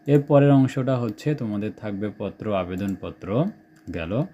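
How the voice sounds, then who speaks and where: A man's voice: lowish voice, lively intonation, normal speed, mellow, lo-fi sound, a little hiss or hum. A young man with a Bangladeshi Bengali accent, talking students through exam prep questions and checking in often. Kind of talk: screen-share exam suggestion walkthrough.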